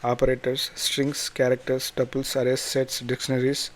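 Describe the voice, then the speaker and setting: A man with a Telugu accent teaching an informal programming tutorial, in halting, repetitive phrases with restarts. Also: medium pitch, monotone. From south India. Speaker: programming instructor.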